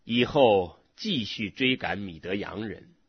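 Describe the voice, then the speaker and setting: Guy reading scripture real slow, low husky voice, dull lo-fi sound. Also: animated, no room sound. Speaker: scripture reader. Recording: dull lo-fi recording.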